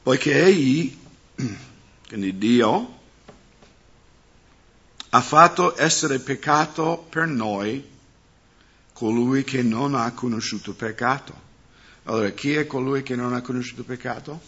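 A man preaching a sermon, asking his congregation questions as he goes. His voice is husky and sits at a middle pitch. The recording sounds dull and muffled. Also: takes it slowly, long pauses, fairly bright tone. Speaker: pastor.

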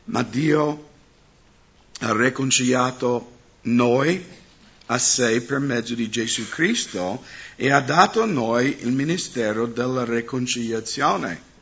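A man preaching a sermon, asking his congregation questions as he goes. His voice is husky and sits at a middle pitch. The recording sounds dull and muffled. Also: slow pace, fairly bright tone. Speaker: pastor.

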